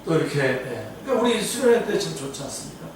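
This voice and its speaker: A fairly high-voiced male pastor leads a Bible study, urging his listeners on in an earnest, exhorting tone. His voice rings through a big, echoey church hall, picked up from some distance away with a faint hiss behind it. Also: very animated, fast. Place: church sanctuary.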